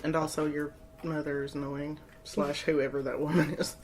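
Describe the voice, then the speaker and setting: A low-pitched woman co-hosts a casual podcast. She jokes crudely and laughs often. A faint rumble sits under her voice. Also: level tone, normal speed, darkish tone. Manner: giggly, joking, crude banter. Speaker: podcast co-host. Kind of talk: casual chat.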